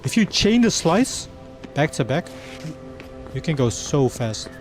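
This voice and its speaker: A man's voice: fairly high pitch, very animated, measured pace, over music. A Dutch man streaming a game live, chatting casually with his viewers and laughing between lines. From Netherlands. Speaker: livestreamer. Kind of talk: casual chat while gaming live.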